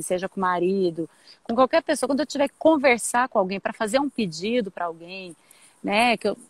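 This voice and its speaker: A woman's voice: a little high, no echo. A woman explaining ideas in a casual teaching chat, thinking aloud and often restarting her sentences. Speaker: co-host explaining nonviolent communication.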